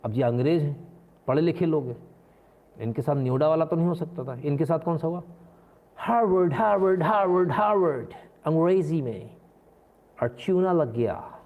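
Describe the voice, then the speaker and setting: A man's voice: a little high, brisk. Man with a tinny, phone-like voice. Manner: combative and mocking, slips into acted voices. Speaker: host of a live stream. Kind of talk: live political commentary.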